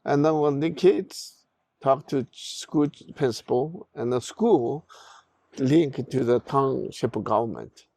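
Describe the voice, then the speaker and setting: A middle-aged man with a Tibetan accent, Tibetan being his first language, gives interview answers as a podcast guest, speaking haltingly with many restarts and fillers. His medium-pitched voice is creaky and dark in tone.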